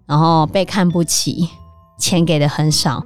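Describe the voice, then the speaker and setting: Woman, Taiwanese Mandarin accent, lowish voice, podcast co-host, explanatory. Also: steady tone, measured pace, faint music behind. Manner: explanatory, recounting case facts. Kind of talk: casual book-club chat.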